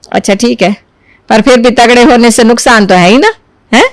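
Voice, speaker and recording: A woman's voice: on the high side, moderate pace, no room sound, lightly acted. A woman voicing a middle-aged mother in a cartoon who reasons patiently with her son. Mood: coaxing. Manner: coaxing, reasoning.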